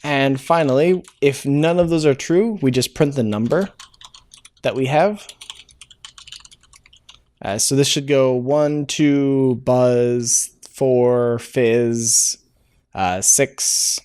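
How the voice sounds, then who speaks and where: A man speaks slowly at a medium pitch, his tone a little mellow, while hosting a live-coding tutorial. He works through the code aloud in a casual way, with many "uh" fillers and self-corrections amid keyboard typing and clicks.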